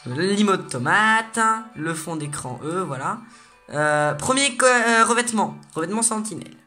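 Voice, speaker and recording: Excitable gamer reacting out loud. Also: mid-range voice, a little slow, faint music behind. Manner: excitable, reads menu text aloud. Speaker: gaming video host. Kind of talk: casual gameplay commentary.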